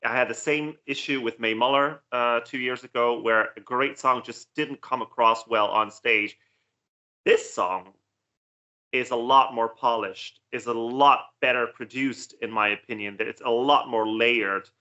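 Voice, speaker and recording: A man's voice: mid-range voice, fairly even intonation, unhurried, bright, forceful tone, lo-fi sound. A man co-hosting a casual reaction chat, opinionated and analytical, restarting phrases as he builds his case. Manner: opinionated, analytical, repeats words as he builds a point. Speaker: co-host reacting to songs.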